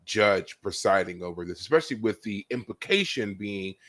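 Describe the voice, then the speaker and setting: Animated man retelling scenes on a podcast. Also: lowish voice, moderate pace. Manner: animated storyteller, acts out scenes with loud exclamations. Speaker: podcast co-host. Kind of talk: casual chat. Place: live podcast recording.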